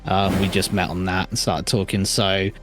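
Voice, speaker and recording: A man's voice: deep voice, flat delivery, moderate pace. A man who produces music, a guest on a casual livestream chat, laid-back, with dry humor and a lot of hedging.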